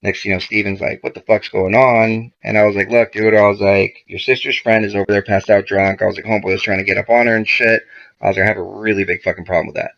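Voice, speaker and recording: A man's voice: lowish voice, fairly even intonation, quick pace, gravelly, a bit bright. A man, a podcast guest, casually telling a story full of profanity and quoted back-and-forth dialogue. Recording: dull lo-fi podcast audio.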